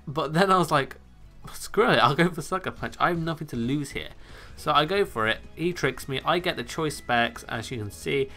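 A man's voice: mid-range voice, pushed and bright. A man giving casual, chatty commentary over a video game battle, joking at his own expense and laughing often.

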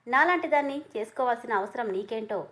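Woman doing a snippy headstrong young woman, bright high voice, storybook reading. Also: animated, quick pace. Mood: annoyed. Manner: snappy, irritated retorts. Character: young woman, sharp-tongued and stubborn.

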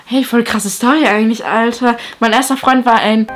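A woman's voice: on the high side, steady tone, moderate pace, soft background music. A young woman hosting a vlog, talking casually and directly to her viewers with advice. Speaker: vlog host. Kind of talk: casual storytime chat.

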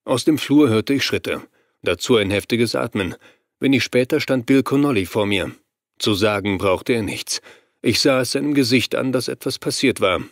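A man narrating a horror audiobook in the first person, in a steady, measured reading voice on a studio microphone. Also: mid-range voice, no room sound.

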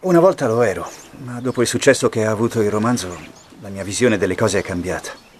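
An actor playing a wry, restless writer who used to be a cop, in dubbed film dialogue over soft music. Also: male voice, fairly low pitch, fast, a little hiss or hum, lightly acted.

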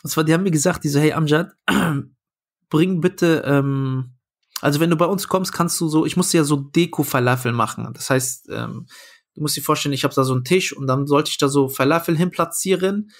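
A man's voice: fairly high pitch, brisk. A young man, a comedian and food founder, telling a story casually in a podcast interview, acting out quoted dialogue with lots of fillers.

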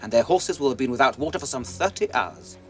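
An actor playing a commanding officer who briefs an agent in a crisp, authoritative way. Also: male voice, medium pitch, animated, fast talker, faint music behind, close to an everyday voice. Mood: resolute.

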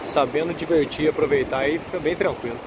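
A man's voice: a little high, fairly quick. Chatty man vlogging on a windy beach. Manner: relaxed, chatty, addresses viewers often. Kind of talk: casual walking vlog commentary. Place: outdoors on a windy seaside boardwalk. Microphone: handheld phone camera. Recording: loud wind and surf noise. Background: waves and passing traffic.

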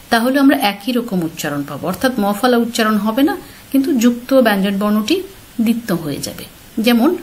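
A woman teacher giving a slide-based pronunciation lesson, speaking clearly and patiently and putting questions straight to her students. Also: fairly high pitch.

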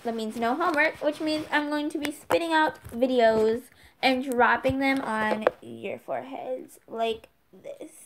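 A woman's voice: high-pitched, fairly even intonation, a little slow, noisy background. A young woman chatting casually on her vlog, rambling playfully and jumping from topic to topic. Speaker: YouTuber.

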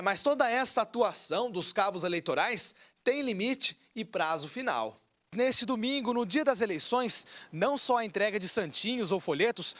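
A young man from Curitiba reporting on camera from a busy pedestrian street with a handheld mic, briskly and directly. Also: high-pitched, fairly bright tone. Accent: Brazilian Portuguese, Curitiba. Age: young adult.

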